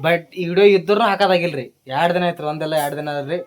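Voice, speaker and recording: A woman's voice: on the low side, racing, a little hiss or hum. A woman with a North Karnataka Kannada accent chatting to viewers in a casual home vlog, repeating her phrases. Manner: chatty, repeats phrases, ends sentences with a polite address word. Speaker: family vlogger.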